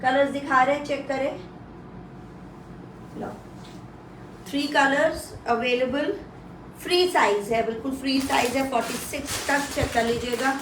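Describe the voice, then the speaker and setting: A high-pitched woman with an Indian accent gives an off-the-cuff live sales pitch, repeating details to push buyers. She slips between Hindi and English. The mic sounds set back in an echoey room, with a little noise underneath. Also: steady tone, measured pace, pauses often. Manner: mixes Hindi with English phrases. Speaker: live shopping presenter selling women's clothing. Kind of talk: live online sales pitch, casual and unscripted. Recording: roomy echo, distant mic, faint noise.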